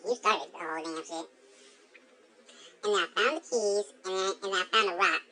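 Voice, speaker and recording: A woman's voice: medium pitch, moderate pace, bright, forceful tone, slight background noise, close to an everyday voice. A woman voicing a foul-mouthed drunk chipmunk in a comedic monologue, brash and heavy on slang and swearing.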